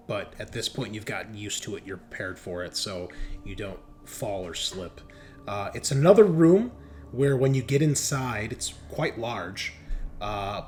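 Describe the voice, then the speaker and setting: This is a man at medium pitch, acting as game master in a tabletop roleplaying game. He improvises the narration in an easygoing, conversational manner, often breaking off mid-sentence to think.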